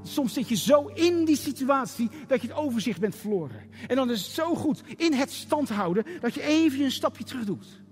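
A man's voice: extremely high pitch, animated, moderate pace, hardly any pauses, darkish tone. A middle-aged man preaching a sermon as a pastor, emphatic and full of rhetorical questions. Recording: echoey hall with faint music.

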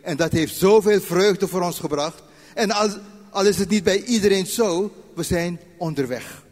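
A retired man in his sixties preaching a sermon, dropping to quiet asides and slowing down when he reads scripture. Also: high-pitched, big-room sound. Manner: varies loudness widely, slows for scripture.

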